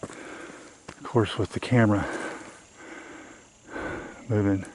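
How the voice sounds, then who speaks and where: Middle-aged man, low and slow, out of breath on a trail, noisy outdoor camera audio. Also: fairly even intonation. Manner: often drops to a hush. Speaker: vlogger on a woods hike. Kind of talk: casual walking vlog. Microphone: handheld camera.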